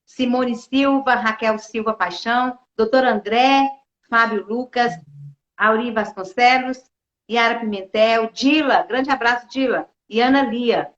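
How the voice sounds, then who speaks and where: A woman's voice: a little high, a little slow, lo-fi sound. Chatty woman on an echoey live stream. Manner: chatty, greets viewers by name, asks long questions. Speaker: host, state deputy. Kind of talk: live interview conversation.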